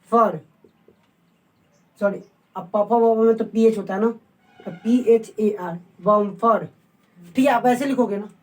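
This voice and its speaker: Brief: woman, somewhat high voice, casual teacher who drills pronunciation word by word. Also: darkish tone, poor audio. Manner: sounds words out slowly and repeats them; asks the viewers questions. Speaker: Hindi teacher. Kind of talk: casual online lesson.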